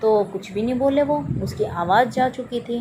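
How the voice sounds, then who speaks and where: A woman's voice: fairly high pitch, normal speed, background noise. A woman, a mother, telling a personal story about her daughter in spoken testimony style, voicing both her own lines and her daughter's as she goes.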